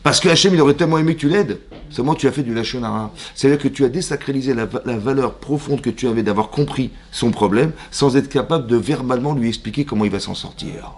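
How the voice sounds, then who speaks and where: Fast-talking gravelly rabbi teaching a class. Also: male voice, mid-range voice. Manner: asks the audience rhetorical questions and acts out both sides of imagined dialogues; uses Hebrew religious terms in everyday French speech. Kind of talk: lively mixed Torah class to a congregation. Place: synagogue classroom.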